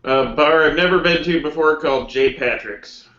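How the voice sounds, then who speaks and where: A man's voice: a little high, normal speed, fairly bright tone, highs cut off. Understated man in a roomy space. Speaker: podcast guest. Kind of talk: casual chat.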